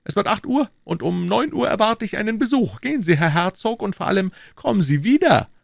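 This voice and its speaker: A man voicing an excitable young king in a high, fussy, scolding voice, reading a story aloud. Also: vocal fry, no room sound, studio quality, full character voice. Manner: shrill, fussy, quick to scold. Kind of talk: audiobook character voice.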